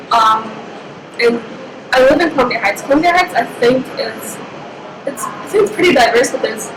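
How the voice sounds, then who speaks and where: Give me a reflective young woman from Egypt being interviewed, her voice high and flat, over clear background noise. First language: Somali. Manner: reflective, unhurried storytelling. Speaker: interviewee, university student. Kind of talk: personal interview. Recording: echoey room with steady background noise.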